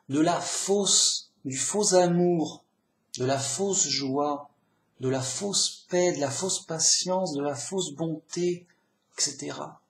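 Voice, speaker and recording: A man giving an informal sermon, emphatic and repetitive, sometimes acting out an angry or calmed-down person. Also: a little high, echoey room. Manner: acts out angry and calm speakers, emphatic lists. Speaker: lay preacher.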